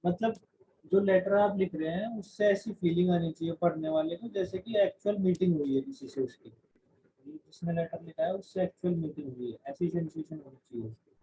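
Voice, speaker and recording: A man's voice: fairly high pitch, a little fast, warm tone, husky. A man teaching a class, explaining in Hindi mixed with English terms and often restarting his sentences. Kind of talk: classroom lecture. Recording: dull lo-fi recording.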